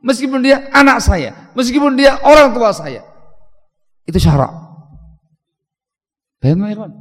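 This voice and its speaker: A man preaching a sermon, telling a story in a lively way that swings from loud emphasis to hushed asides. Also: very high voice, unhurried. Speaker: Islamic preacher. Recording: long hall reverb.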